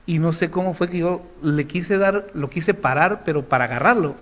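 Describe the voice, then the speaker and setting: A man giving an informal sermon to a congregation, telling personal stories with halting restarts. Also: on the high side, fairly bright tone. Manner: conversational, halting restarts, laughs at his own story. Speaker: preacher.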